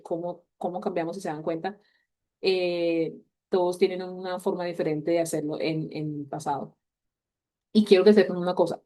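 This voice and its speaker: A woman's voice: fairly low pitch, mellow. A woman teaching a class on English grammar, explaining step by step and mixing English words into her speech. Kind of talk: online class walkthrough.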